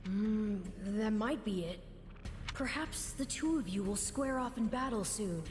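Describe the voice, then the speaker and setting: A woman playing a cryptic, youthful spirit guide in a video game, measured and slightly snarky. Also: mid-range voice, expressive, close to an everyday voice. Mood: ominous, measured. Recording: reverberant game dialogue over music.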